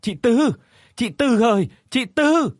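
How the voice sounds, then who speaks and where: A man's voice: animated, takes it slowly, dry recording, clean studio sound, full character voice. A man doing a breathless, stammering old neighbor woman. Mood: panicked. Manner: stammering, shrill. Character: panicked older village woman, breathless.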